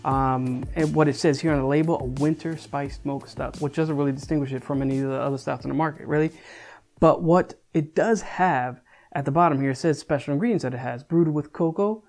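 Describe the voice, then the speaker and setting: A man's voice: a little high, fairly quick, a little mellow. A young adult man giving a casual, chatty beer review, talking loosely with frequent restarts and casual swearing.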